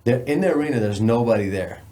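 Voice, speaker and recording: A man's voice: medium pitch, animated, fast, mellow. A man who trains boxers, telling a fight-trip story in casual, laughing podcast chat. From Texas. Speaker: boxing trainer.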